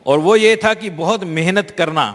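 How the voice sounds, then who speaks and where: A man's voice: sits high, normal speed, fairly bright tone. A man interpreting a speech live, fluent and conversational, with small restarts. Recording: long hall reverb.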